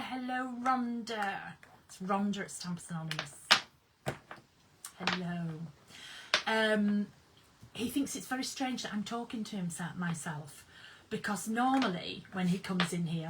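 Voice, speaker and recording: A woman hosting a casual craft live stream from her workroom, chatting in a bubbly, excitable way as she greets viewers and reads their comments. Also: medium pitch, unhurried, noisy background.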